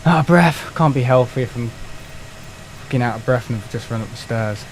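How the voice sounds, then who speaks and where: A man's voice: medium pitch, fairly quick, noisy background. A young man streaming live, chatting casually with viewers, joking and swearing now and then.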